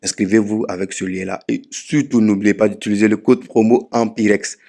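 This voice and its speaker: A man's voice: on the low side, steady tone, brisk, creaky, dark tone. A man with an Ivorian French accent who gives a casual step-by-step tutorial and keeps repeating key points for emphasis. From Ivory Coast. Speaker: betting tips YouTuber. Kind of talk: casual screen-walkthrough tutorial.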